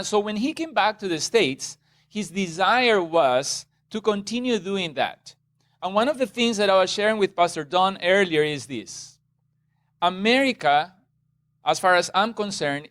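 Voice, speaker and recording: A middle-aged man from Ecuador leads a church seminar for a small group in a meeting room. His voice sits high and sounds smooth and clear. The sound is dry and close, with little room echo. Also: fairly bright tone. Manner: conversational, checks in with the audience often. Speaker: seminar presenter.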